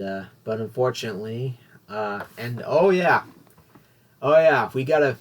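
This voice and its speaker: A man hosting a casual solo podcast, rambling and correcting himself as he talks. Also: mid-range voice. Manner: rambling, self-correcting, chatty. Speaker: podcast host.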